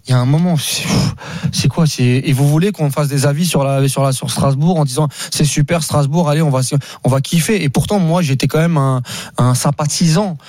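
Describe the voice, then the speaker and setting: A male pundit argues about football in a radio studio. He talks very fast and with animation, and he often repeats himself. The studio sound is dry and close. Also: fairly high pitch, dry recording. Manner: rapid, animated, repeats words. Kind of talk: heated studio debate.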